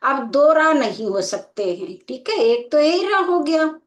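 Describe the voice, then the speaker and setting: Woman, Hindi teacher, exam-prep lecture, high-pitched, unhurried, patient and repetitive. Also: expressive. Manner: slow and explanatory, repeating "ठीक है" as a check.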